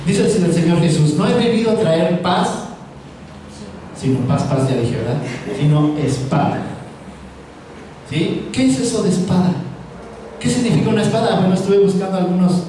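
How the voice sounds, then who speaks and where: High-voiced preacher in an echoey hall. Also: male voice, animated, normal speed, warm tone, a little hiss or hum. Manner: asks the audience frequent questions. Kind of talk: sermon with call-and-response. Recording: roomy echo, mic at a distance.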